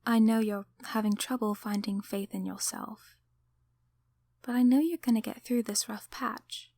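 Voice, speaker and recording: With a fairly high pitch and vocal fry, a woman plays a kindly sleep paralysis demon for an ASMR roleplay. She's encouraging and affectionate, speaking softly and soothingly, often in a whisper, with no room sound.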